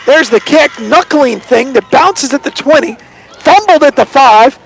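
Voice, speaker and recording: A man doing animated, wry play-by-play commentary of a high school football game outdoors. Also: unhurried, vocal fry, slight background noise, low-quality recording.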